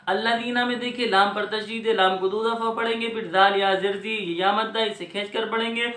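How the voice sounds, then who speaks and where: Brief: male recitation teacher, patient letter-by-letter explanations, crisp bright tone. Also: high voice, steady tone, echoey room. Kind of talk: spelling out recitation rules.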